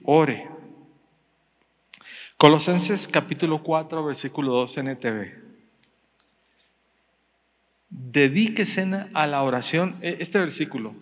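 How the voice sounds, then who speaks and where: A middle-aged man preaching a sermon in a church, swinging between loud emphatic calls and soft personal storytelling. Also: a little high, long reverb tail. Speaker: pastor. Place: church sanctuary.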